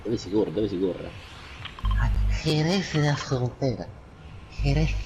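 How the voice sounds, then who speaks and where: Excitable sweary Neapolitan man gaming. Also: mid-range voice, measured pace, muffled recording, over music. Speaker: gamer in squad voice chat. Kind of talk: casual gaming chat with friends. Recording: noisy gaming voice chat.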